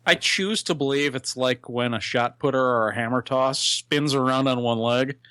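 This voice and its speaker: A man's voice: medium pitch, moderate pace, bright, forceful tone, clear, resonant tone, no room sound, studio quality. Pedantic man correcting facts. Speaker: podcast co-host. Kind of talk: casual podcast banter.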